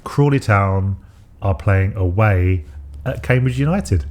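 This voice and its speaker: A man's voice: fairly low pitch, slow, a little mellow. A man co-hosting a podcast in casual chat, rambling with many fillers and restarts. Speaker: podcast co-host.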